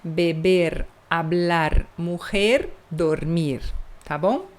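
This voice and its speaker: A Brazilian woman with a São Paulo accent teaching Spanish pronunciation in a chatty online lesson, drawing sounds out in an exaggerated way and checking in often. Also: on the low side. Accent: São Paulo Brazilian Portuguese. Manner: exaggerated, drawn-out demonstration of sounds; chatty, checks in with frequent asides.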